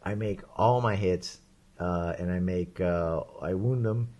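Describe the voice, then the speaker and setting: Low-voiced male podcast co-host, rambling animated storyteller, casual. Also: a little slow, muffled recording. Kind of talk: casual chat.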